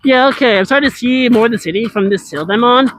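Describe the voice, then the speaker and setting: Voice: medium pitch, quick pace, fairly bright tone, slight background noise. An IRL streamer chatting casually with viewers while walking and scootering outdoors through a large city, rambling and answering chat as they go.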